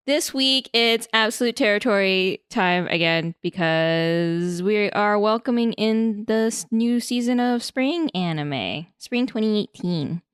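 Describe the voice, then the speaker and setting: Woman podcast host, giggly, clear voice, dry close mic. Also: medium pitch, lively intonation, a little slow, hardly any pauses, no room sound. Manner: giggly, laughs often. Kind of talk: casual chat.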